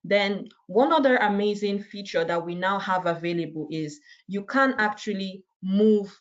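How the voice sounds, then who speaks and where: A woman's voice: medium pitch, moderate pace. Woman presenting over a dull video call. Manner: conversational, often tags sentences with "right?". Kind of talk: webinar product walkthrough.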